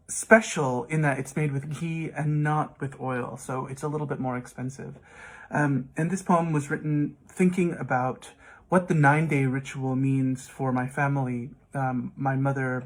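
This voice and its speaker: A man from Guyana reading his poems aloud, introducing each one in a measured, thoughtful way with frequent pauses and ums, and reading some verses in Guyanese Creole. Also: mid-range voice. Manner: reads poem passages in Guyanese Creole with rising emphasis. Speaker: poet. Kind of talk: poetry reading with spoken introductions.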